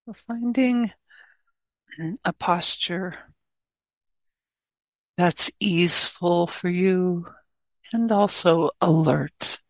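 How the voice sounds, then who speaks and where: Her voice fairly low, a woman acting as a meditation teacher speaks gently in brief phrases, leaving long pauses between them. The recording has no echo but is of low quality.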